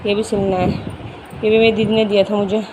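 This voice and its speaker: A young woman filming a casual home vlog, chatting about her day and coaxing her little daughter in a lively sing-song. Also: mid-range voice, brisk, background noise. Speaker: vlogger mother.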